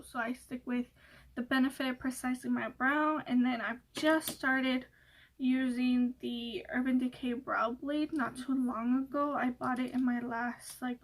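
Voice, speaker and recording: A young woman with a high voice talks casually to her viewers in a relaxed Q&A. She rambles and restarts her sentences, fills pauses with fillers, and laughs easily. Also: slight background noise. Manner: giggly, laughs often. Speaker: beauty vlogger. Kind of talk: casual Q&A chat.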